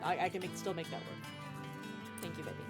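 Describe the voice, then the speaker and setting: A woman's voice: fairly low pitch, level tone, quick pace, over music. A woman chatting casually as she plays a game on a stream. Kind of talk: casual chat while playing a game.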